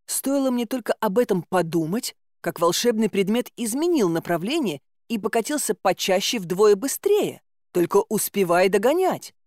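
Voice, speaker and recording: Woman, audiobook narrator, wry expressive storytelling, mid pitch, dry close recording. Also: normal speed, dry recording. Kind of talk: first-person audiobook narration.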